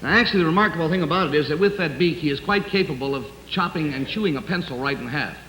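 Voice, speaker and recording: A man's voice: a little high, quick pace, a little hiss or hum. A man hosting a live 1950s TV broadcast game show, genial and rambling with frequent hesitations. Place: TV studio stage with live audience. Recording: old 1950s TV broadcast, echoey studio hall, loud audience and music.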